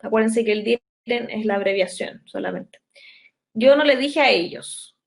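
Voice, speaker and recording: Young woman teacher, unhurried, patient and methodical, higher pitched. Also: vocal fry, poor audio. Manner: patient, step-by-step, slows to dictate English sentences. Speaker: English teacher. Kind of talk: online class explanation.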